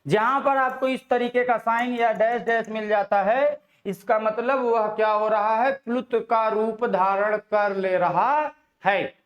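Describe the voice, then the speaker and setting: A man's voice: high voice, fairly even intonation, slow, roomy sound, muffled recording. A male Hindi grammar teacher giving an exam-prep lesson. He asks rhetorical questions, answers them himself and draws out example syllables.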